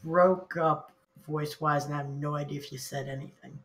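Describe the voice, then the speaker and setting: Female tabletop player, low pitch with bright tone, casual chat. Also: fairly even intonation, moderate pace, slight background noise.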